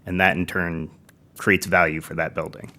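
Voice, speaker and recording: Deep-voiced man explaining business software. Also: flat delivery. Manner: measured, explanatory, slight repetitions. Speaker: guest from a software company. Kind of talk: business interview talk.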